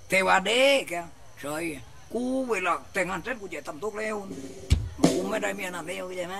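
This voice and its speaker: A man with a Southern Thai accent, performing a comic shadow-puppet play in rough, joking banter. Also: sits high, poor audio. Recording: loud folk music behind.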